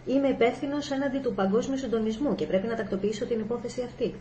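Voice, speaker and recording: Gruff, threatening general, read by a woman; mellow tone, echoey room. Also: fairly high pitch, slight background noise, voice pushed up, natural voice. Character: gruff angry male general. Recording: echoey room, faint ambience.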